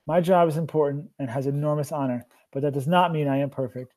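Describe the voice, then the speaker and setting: A man voicing a tired old man who is a burdened mentor, speaking slowly and earnestly. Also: fairly high pitch, steady tone, a little mellow, lightly acted. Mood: weary.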